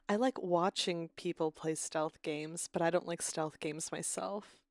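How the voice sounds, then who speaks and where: A woman's voice: medium pitch, a little mellow, dry recording, clean studio sound. A woman streamer chatting casually with her viewers, rambling and restarting her sentences, a little unwell with a cough.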